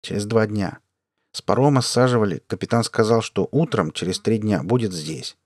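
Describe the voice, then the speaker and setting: Worried young husband and father in an audiobook story, plain and tender, low voice, read by a man, dry close recording. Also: moderate pace, darkish tone, no echo, natural voice. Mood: quiet worried.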